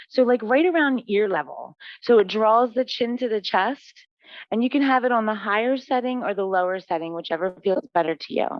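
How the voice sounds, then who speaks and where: A woman teaching a live yin yoga class, giving gentle, unhurried cues and laughing lightly at herself now and then. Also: fairly high pitch, dry recording. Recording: dull, dry studio recording.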